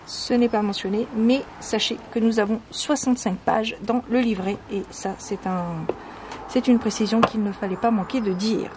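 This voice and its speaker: A woman hosting a casual video about her oracle cards, talking with many pauses, fillers and restarts. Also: a little high. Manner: reads card texts in a soft, calm tone. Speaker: channel host presenting oracle cards. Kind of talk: casual chat. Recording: home video with clear background noise.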